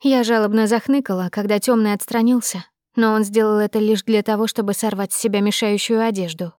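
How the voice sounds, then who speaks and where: A woman reading a first-person audiobook with expressive, measured storytelling. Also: mid-range voice, no echo, clean studio sound. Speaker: narrator.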